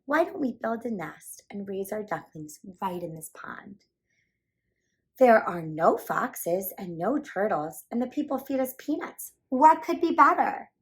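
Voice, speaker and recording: A woman's voice: medium pitch, big pitch swings, unhurried. A protective mother mallard from a storybook, played by a woman reading aloud. She is fussy and emphatic, a duck who flusters easily and speaks in exclamations. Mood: pleased, decided.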